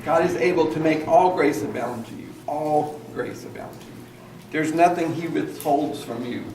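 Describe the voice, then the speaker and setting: A man's voice: a little high, normal speed, darkish tone. Guy pastor preaching, earnest, mic kinda far off, roomy church sound. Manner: earnest, calls the congregation to repeat lines. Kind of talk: sermon. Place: church hall. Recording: echoey room, mic at a distance, faint noise.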